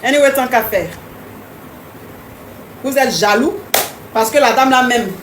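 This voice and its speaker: A woman's voice: fairly high pitch, a little slow, reverberant, a little hiss or hum. A woman hosting a live stream, chatting casually and teasingly with viewers, repeating herself often. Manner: repetitive, teasing, talks straight to commenters.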